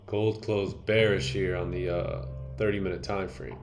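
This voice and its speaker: Chill guy running a live trading stream, lowish voice, slangy, shouting out chat. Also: moderate pace. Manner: relaxed, slangy, greets viewers by name. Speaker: livestream host and day trader. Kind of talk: casual livestream chat.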